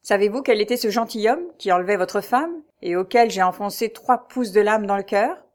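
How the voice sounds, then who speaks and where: A grave, haunted nobleman in a storybook reading, as a woman reads his part. He speaks in a sombre, halting way, weighed down by fear. The voice sits at a middle pitch. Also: lightly acted. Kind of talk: audiobook reading.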